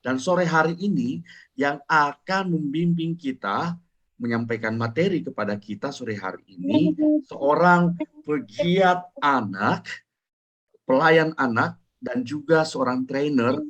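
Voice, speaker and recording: A man's voice: on the high side, lively intonation, slow, a bit bright, dull audio. A man moderating an online church training session, welcoming the speaker in a polite, formal way. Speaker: host and moderator. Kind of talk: event moderating.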